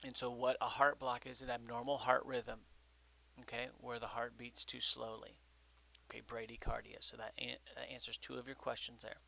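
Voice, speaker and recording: A man's voice: medium pitch, gravelly, bright, forceful tone. A man teaching a recorded lecture, explaining step by step with many fillers and frequent "okay?" checks.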